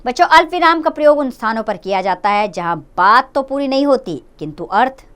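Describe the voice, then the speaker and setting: A woman's voice: a little high, expressive, fairly quick, a bit bright, smooth. A woman with a Hindi accent teaching a grammar lesson to children, friendly and explanatory, speaking to them directly.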